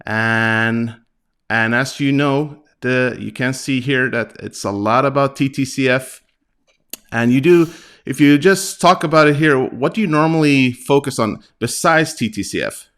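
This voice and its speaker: Man, interview host, medium pitch, casual, halting questions, frequent rephrasing. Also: a bit bright, clean tone.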